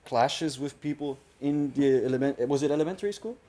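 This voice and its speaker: A young man hosting a casual podcast interview, relaxed and conversational. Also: mid-range voice, brisk. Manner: relaxed, conversational, asks questions. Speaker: podcast host.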